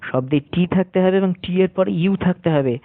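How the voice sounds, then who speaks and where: A man teaching English pronunciation, spelling words out letter by letter and repeating each rule slowly and deliberately. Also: sits high, no room sound. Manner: slow, deliberate, repeats rules for emphasis. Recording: dry, tinny phone-like sound.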